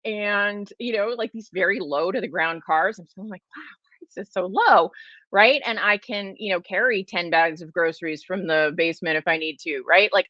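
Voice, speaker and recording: On a muffled recording without room sound, a lowish-voiced woman in her forties hosts a laid-back livestream Q&A. Her style is chatty and emphatic, packed with fillers and restarts.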